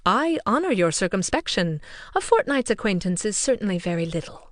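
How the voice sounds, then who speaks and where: A woman voicing a dry, ironic old gentleman who teases his family in measured tones. The pitch still moves lively under the irony, close and dry in a storybook reading. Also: dry recording, lightly acted. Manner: wry, measured, teasing. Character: dry, teasing, ironic older gentleman father.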